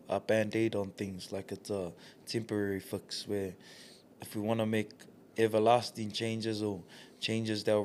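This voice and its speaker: Low, flat-voiced New man. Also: slight background noise. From New Zealand. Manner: earnest, laid-back, many "like" fillers. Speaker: guest, community leader. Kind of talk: casual interview chat.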